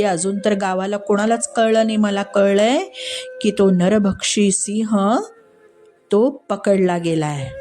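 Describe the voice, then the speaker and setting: A woman's voice: mid-range voice, dark tone, natural voice. A woman storyteller voicing a cunning royal woman who lays out a plot in a sly, conspiratorial way. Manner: sly, conspiratorial, explaining a plan.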